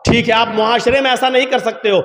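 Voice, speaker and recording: A male preacher gives an emphatic sermon, building to shouts and pointed rhetorical questions. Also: very high-pitched, steady tone. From Uttar Pradesh, India. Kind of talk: Islamic sermon at a public gathering. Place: large public gathering with a PA system. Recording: echoey PA sound with long reverb.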